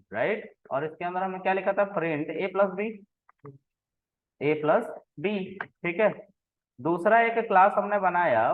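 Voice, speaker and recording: A man teaching programming in a relaxed way, explaining code step by step and often checking that the listener follows. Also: sits high. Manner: conversational, keeps checking in with the listener. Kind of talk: explaining code while typing. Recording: tinny phone-like sound.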